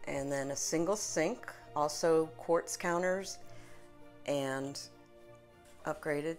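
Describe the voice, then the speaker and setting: A woman's voice: low voice, takes it slowly, faint music behind. A middle-aged woman, a real estate agent, walking through a house and pointing out its features in an upbeat, salesy way, filming on a handheld phone. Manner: upbeat salesy tour guiding. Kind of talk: home tour walkthrough. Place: inside a house, then a kitchen. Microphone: phone camera, held at arm's length.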